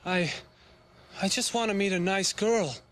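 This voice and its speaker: A young man playing a timid, dog-like young man who speaks haltingly and eagerly. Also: high voice, a bit bright, slight background noise. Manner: halting, hesitant, eager to please.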